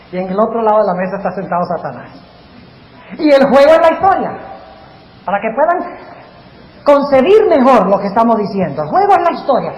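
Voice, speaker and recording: A male pastor preaching an animated sermon and asking the congregation questions. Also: very high-pitched. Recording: echoey hall with faint noise.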